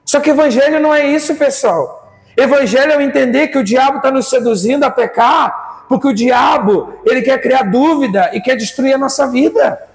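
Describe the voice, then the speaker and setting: A man's voice: extremely high pitch, normal speed, echoey room, in a large hall, faint music behind. A man with a Brazilian accent preaching a sermon as pastor, firing rhetorical questions at the congregation. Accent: Brazilian Portuguese.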